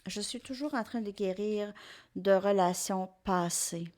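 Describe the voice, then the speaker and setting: A woman's voice: medium pitch, a little slow, darkish tone. A woman with a Québécois French accent doing a tarot card reading for viewers, hesitant, with many fillers and restarts. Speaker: tarot reader.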